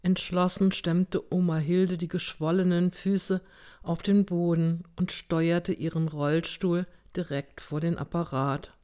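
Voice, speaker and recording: Slow, low-voiced woman reading a story. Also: level tone, dark tone. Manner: measured, slow first-person storytelling. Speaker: narrator. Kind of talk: audiobook reading.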